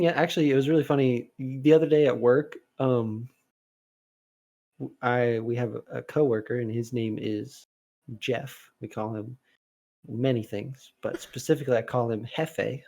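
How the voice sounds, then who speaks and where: This young man co-hosts a casual podcast chat, his voice sitting at a middle pitch. He rambles and restarts often, jumping up in pitch when he gets animated. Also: measured pace, pauses often. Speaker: podcast co-host.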